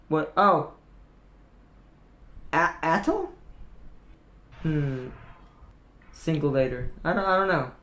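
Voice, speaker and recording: A young man hosting a casual livestream, rambling chattily about movies with restarts and laughs. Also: high voice. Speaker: livestream host. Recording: roomy echo.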